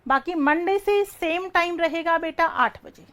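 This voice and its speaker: A woman delivering an online exam-prep lecture asks rapid questions, repeats every answer, and calls the students "beta." She sounds very high-pitched, with a fairly bright tone.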